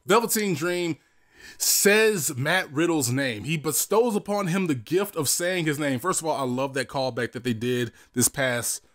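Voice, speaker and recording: A man's voice: a little high, measured pace, a bit bright. A man co-hosting a casual wrestling predictions podcast, rambling with restarts and casual swearing. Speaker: podcast co-host.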